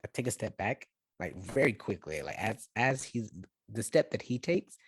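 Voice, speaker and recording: A man playing in a tabletop game, describing his character's actions in a halting way. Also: lowish voice, very animated, husky, no echo. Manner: halting, with many fillers and restarts. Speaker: player. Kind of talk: casual role-play chat.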